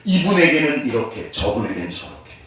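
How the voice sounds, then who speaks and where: Animated male pastor preaching in an echoey church. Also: medium pitch, fairly quick. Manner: animated, asks the congregation questions. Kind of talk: sermon. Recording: echoey room from far off.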